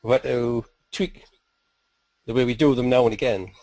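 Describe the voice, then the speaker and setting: A man teaching search-engine tactics in a steady, explanatory webinar style. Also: medium pitch, normal speed, no room sound, poor audio. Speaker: SEO trainer.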